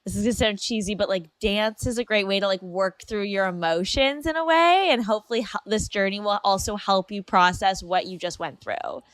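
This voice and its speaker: A woman's voice: mid-range voice, fairly quick, hardly any pauses, no room sound. A woman with a Canadian accent co-hosting a casual podcast interview, asking friendly leading questions. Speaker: podcast co-host.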